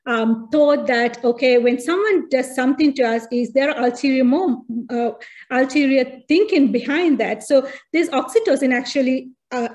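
A woman's voice: sits high, a little mellow. A woman in her thirties with a Sri Lankan accent, explaining brain science in an online lecture, with many fillers and restarts. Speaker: neurologist giving a talk. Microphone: video call.

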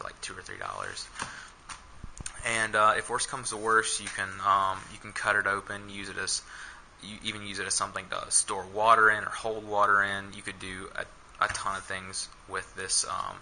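A young man records himself with a head-mounted camera in a small indoor room, casually and hesitantly going through his camping gear with many ums and uhs. His low, creaky voice sounds pushed and bright. The recording is rough, with a bit of hiss or hum.

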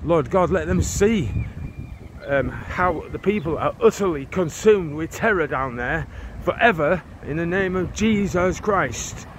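A man in his forties from England prays and preaches fervently while walking down a residential street, holding his phone at arm's length to film. His voice is a little high, with lively intonation and an unhurried pace, and he often rambles and restarts his words over the sound of passing traffic.

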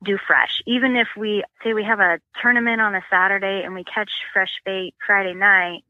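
A woman's voice: fairly low pitch, creaky, dry recording, phone-quality sound. A woman guest explaining catfish rigs and bait in a casual, practical way, full of ums and you-knows. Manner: chatty, practical, many fillers like um and you know. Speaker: guest, sponsored catfish angler.

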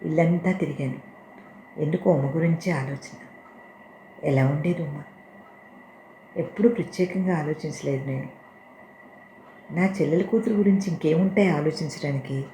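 Calm woman reading a story, mellow and low. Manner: calm, measured, reflective. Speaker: story reader. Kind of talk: storytelling narration. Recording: roomy echo with faint noise.

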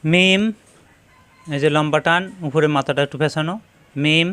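Man slowly drilling Arabic letter sounds. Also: on the high side, level tone, a bit bright, smooth. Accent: Bangladeshi Bengali. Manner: repeats each letter slowly several times, explaining mouth positions. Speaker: Quran reading teacher. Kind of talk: lesson on recognising Arabic letters.

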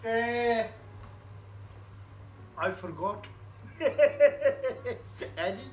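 A man's voice: extremely high pitch, moderate pace, background noise. Echoey Punjabi-accented man chatting in his kitchen. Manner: rambling, jokey, mixing languages. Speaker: home cook vlogger. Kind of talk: casual chatty cooking vlog. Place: small home kitchen, indoors. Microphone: camera at about arm's length to a metre.

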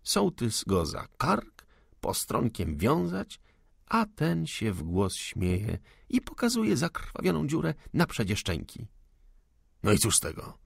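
A man voicing a proud young lady of the manor, calm, witty and unafraid, in an audiobook. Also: medium pitch, slow, gravelly, husky, no room sound, studio quality, voice pushed up, exaggerated voice. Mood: storytelling lively. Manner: cool, ironic, unafraid.

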